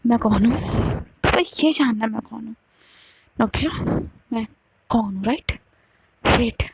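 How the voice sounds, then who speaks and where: A woman's voice: fairly high pitch, measured pace, creaky, husky, heavily acted. A woman voicing a possessive, volatile young woman who insists on answers in a storytime love drama. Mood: furious.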